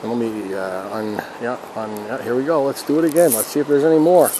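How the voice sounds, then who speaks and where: A man hosting a fishing vlog wades in a river and chats to viewers in a folksy, laid-back way while he fishes. His medium-pitched, warm voice is fairly quick with fairly even intonation. The recording is rough, yet river and ambient sounds are clear.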